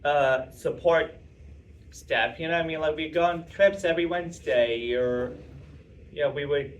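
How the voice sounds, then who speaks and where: A young man talks casually to an audience, rambling and restarting with plenty of fillers. His voice sits a little high. He is picked up from across a meeting room, with faint room noise behind him. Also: moderate pace, distant mic, poor audio. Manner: chatty, rambling, self-interrupting with fillers. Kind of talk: casual talk answering audience questions.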